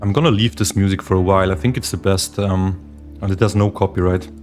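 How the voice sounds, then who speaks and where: This livestream host is a young Swiss man who day trades, chatting casually with viewers and voicing their chat questions. His voice sits low and has a darkish tone, fairly even intonation and a fast pace. Meditation music plays underneath.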